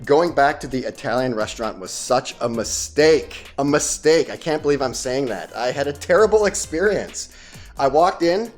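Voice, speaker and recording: A male travel vlogger with a voice of ordinary, middle pitch. He tells his stories in a chatty, animated way, full of "uh" and "like". Soft music plays faintly behind him. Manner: chatty, animated storytelling with fillers. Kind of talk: casual travel vlog narration.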